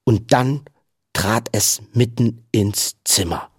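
Guy reading a kids book slow and animated, husky, dry sound. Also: medium pitch, no room sound. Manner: slow, lively storytelling. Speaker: audiobook reader. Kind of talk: storybook reading.

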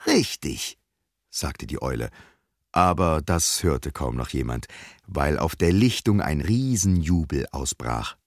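A man reading a children's audiobook aloud, with lively, expressive storytelling. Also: rumbling low, a little slow, dry recording, clean studio sound. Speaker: audiobook reader.

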